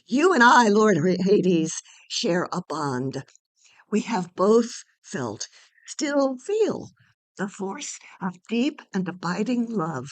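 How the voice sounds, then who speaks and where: A woman voicing Orpheus, an earnest, lovesick young man who implores haltingly, in a dramatic play reading. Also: mid-range voice, very animated. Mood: impassioned.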